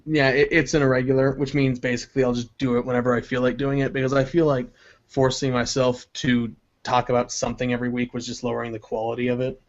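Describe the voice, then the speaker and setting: A man's voice: medium pitch, level tone, fast talker. Young man chatting, muffled lo-fi sound. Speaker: podcast co-host. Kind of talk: casual podcast chat. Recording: dull lo-fi audio.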